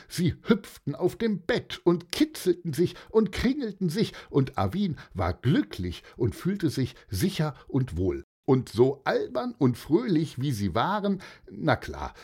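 A man narrating a children's story who speaks gently and addresses young listeners directly. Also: mid-range voice, breathy edge.

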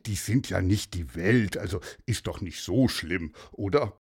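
A man voicing a calm, kindly retired police detective in a children's story, talking in a hesitant, soothing way. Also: sits low, measured pace, breathy edge, heavily acted.

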